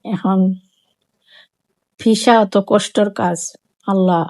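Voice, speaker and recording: A woman's voice: medium pitch, steady tone, takes it slowly, darkish tone. A woman with a Sylheti Bengali accent, walking viewers through a home cooking demonstration in a chatty, repetitive way. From Sylhet, Bangladesh. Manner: chatty, repeats phrases, explains each step. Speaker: cooking vlogger.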